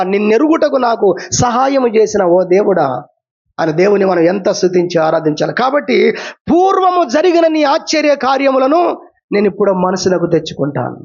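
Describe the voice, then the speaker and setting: Preacher, male, very high voice, repetitive rousing delivery, dull lo-fi sermon recording. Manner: repetitive preaching with rising exclamations. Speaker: pastor.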